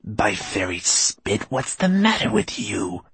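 A man voicing a tiny, blunt old female moss woman healer who scolds in a gravelly, drawn-out way. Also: lowish voice, animated, no echo, exaggerated voice. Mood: impatient. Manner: gruff, scolding, drawn-out words.

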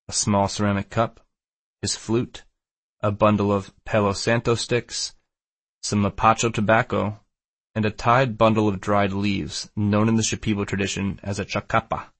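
A male audiobook narrator reads a first-person account with little rise or fall. His low voice has a creaky edge, is recorded very dry, and stays measured and understated. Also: no echo.

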